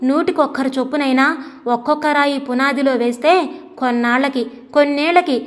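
A woman reading the lines of a calm, reform-minded woman who speaks gently and persuasively, in a storybook reading. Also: high voice, in a large hall, lightly acted.

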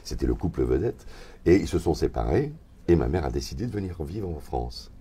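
In a hotel lounge interview recorded on a lapel mic, a voice actor in his seventies relaxes into storytelling, gesturing while he speaks. His voice rumbles low, a little fast and slightly rough.

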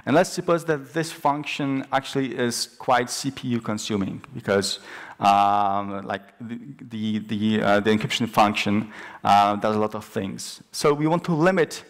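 A man's voice: lowish voice, measured pace. A young man presenting a technical talk on a large conference stage, explaining step by step with frequent ums and restarts. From Poland. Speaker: conference speaker.

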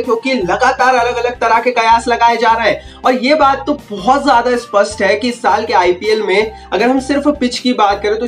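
A young man sits indoors and talks straight to the camera, hosting a cricket news vlog with lots of energy and busy hand gestures. His voice sits notably high for a man. Quiet background music runs under his talk. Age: young adult. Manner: energetic, addresses viewers as friends, gestures with hands. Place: indoor room, seated before a wooden wall.

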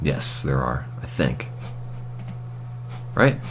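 A man's voice: rumbling low, lively intonation, drawn-out words, gravelly, slight background noise. A man giving casual, dry and sarcastic commentary while streaming a video game.

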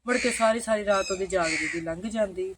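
A woman's voice: mid-range voice, brisk, heavy background noise, lightly acted. A woman playing a poor village mother of twin sons who fusses over her sister-in-law and firmly refuses her. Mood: fussing. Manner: fussing, exclaiming, firm.

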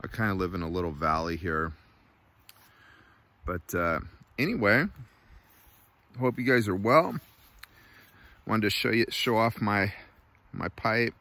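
A middle-aged man chatting casually to camera outdoors, in a laid-back, folksy way with short phrases and pauses. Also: lowish voice, bright, forceful tone, dry recording. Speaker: vlogger. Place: outdoors by a river in a wooded valley. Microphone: phone at arm's length.

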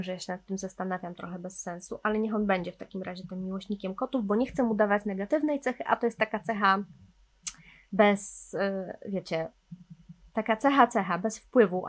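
A woman's voice: mid-range voice, fairly quick. A young woman casually commenting on a life-simulation game, chatting with viewers and talking to her characters. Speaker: gameplay commentator. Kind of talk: casual let's-play commentary.

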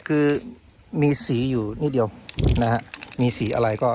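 A man's voice: mid-range voice, fairly even intonation, unhurried. Chatty older man, noisy windy outdoors. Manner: chatty, self-mocking, tags lines with polite particles. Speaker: vlog host. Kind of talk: casual how-to commentary. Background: wind and outdoor ambience.

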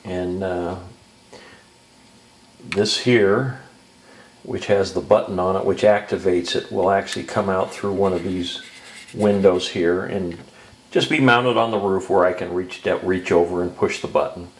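Filmed indoors in his dining room on a home camcorder's built-in mic, a Southern Californian model train hobbyist presents a relaxed hands-on demo. He explains slowly and haltingly in a low-pitched, steady voice, and the audio is noisy.

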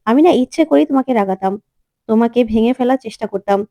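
Storybook young husband, firm and insistent, read by a woman; high voice. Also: fast talker, mellow, dry recording, close to an everyday voice. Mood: pleading. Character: young man, a new husband, stubborn and protective.

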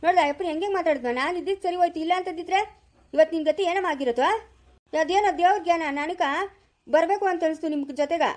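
A woman with a Chikkaballapur Kannada accent, acting in a dramatized village family skit, speaking in a sharp, scolding, dismissive way. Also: very high voice, fast.

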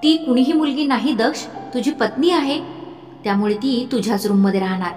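A woman voicing an older mother figure who is fond but insistent, speaking slowly and coaxingly in an audiobook story. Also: medium pitch, close to an everyday voice. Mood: firm. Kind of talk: audiobook narration. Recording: echoey room with faint music.

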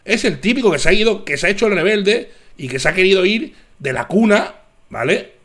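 A man hosting a reaction video, commenting on a clip in an animated, mocking way with loud sarcastic outbursts. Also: high voice, brisk.

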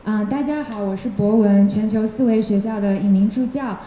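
A young woman with a very dark, mellow voice interprets live at a school event, pausing on fillers as she goes. Her handheld mic echoes through a large hall, with a faint hiss behind. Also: medium pitch. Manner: hesitant, with fillers. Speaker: assistant educator and interpreter. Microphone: handheld microphone.

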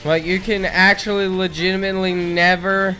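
A man's voice: sits high, level tone, moderate pace, bright, forceful tone, faint music behind. A man giving casual, self-deprecating commentary while he plays a video game, muttering at the game as he goes. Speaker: let's play gamer.

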